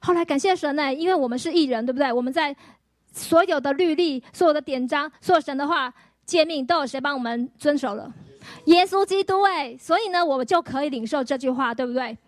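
A woman pastor, giving a lively healing testimony sermon full of acted-out quotes and rhetorical questions. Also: high voice, quick pace, no room sound, clean studio sound.

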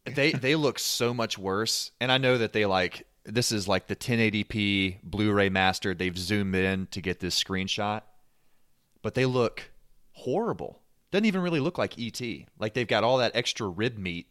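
A man with a low voice hosts a casual podcast chat, riffing and cracking jokes as he goes. His voice is recorded dry and close, with almost no room sound. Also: moderate pace, fairly bright tone, dry recording. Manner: joking, riffing. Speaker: podcast host.

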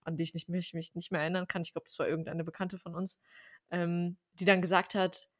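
A woman's voice: on the low side, a little fast, no room sound, clean studio sound. A young woman, raised speaking Armenian at home, telling personal stories in a casual conversation with many fillers. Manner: chatty, animated storytelling with fillers.

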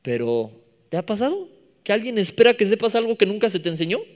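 A man's voice: high voice, fast talker. Young mexican guy preaching to teens, bouncy up-and-down voice, casual slang, big reverb hall. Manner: animated, playful slang mixed with scripture. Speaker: youth preacher. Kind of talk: sermon. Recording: long echoing reverb of a hall.

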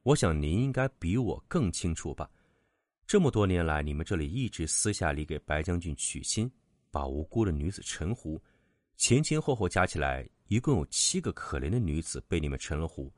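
A man voicing a shrewd young man who speaks in a steady, pointed way. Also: sits low, normal speed, dry recording, clean studio sound. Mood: accusing.

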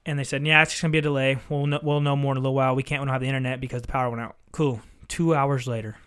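A young man, telling a story in casual chat. He is animated and profane, acting out both sides of each exchange. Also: medium pitch, racing, clean tone. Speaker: podcast host.

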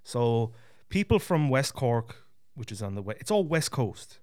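Man, west of Ireland Kerry accent, mid-range pitch, casual chat, blunt, sweary. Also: big pitch swings, a little slow, darkish tone. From County Kerry, southwest Ireland. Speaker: guest. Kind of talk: casual conversation.

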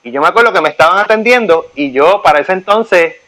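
A man, chatting casually and telling animated, repetitive stories. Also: high voice, fast talker, rough recording. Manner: animated storytelling, repeats himself. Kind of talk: casual chat. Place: United States.

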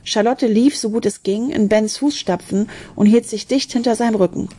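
A woman's voice: fairly high pitch, normal speed, dark tone. A woman reading a children's story aloud, expressively, with small slips and restarts. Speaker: narrator.

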